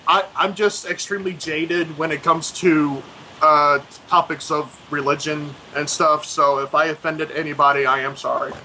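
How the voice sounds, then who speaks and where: A man on a live radio chat, talking haltingly and stammering often. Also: a little high, steady tone, pushed and bright, slight background noise, low-quality recording. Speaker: co-host.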